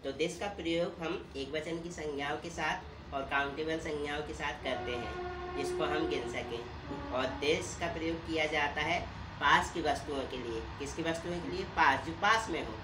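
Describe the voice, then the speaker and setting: A man's voice: fairly high pitch, moderate pace. A man teaching an English grammar lesson, asking questions and answering them himself while repeating key words. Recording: echoey room, distant mic, faint room noise.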